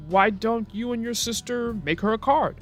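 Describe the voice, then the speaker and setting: Woman voicing a kind storybook dad turtle, brisk and helpful, faint music behind. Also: on the high side, close to an everyday voice. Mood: kindly. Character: kindly father turtle, calm and practical.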